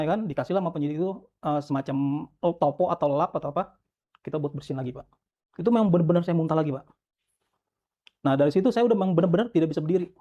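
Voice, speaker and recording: A man recounting his detention in an interview, earnest and halting, with many restarts. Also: fairly high pitch, darkish tone, dull audio. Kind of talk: emotional testimony.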